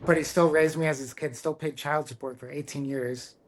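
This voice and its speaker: A middle-aged man speaks candidly as a podcast guest, his voice sitting a little high for a man. He sounds reflective and earnest, and he often stops and restarts a phrase as he works through a personal story. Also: steady tone, brisk. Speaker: guest, tattoo artist.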